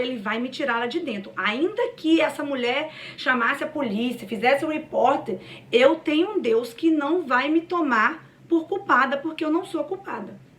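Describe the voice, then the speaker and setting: A church cell group speaker, a woman with a high, fairly bright voice recorded from afar, shares a personal faith testimony with her group. She tells it earnestly, like a story, calling her listeners "gente."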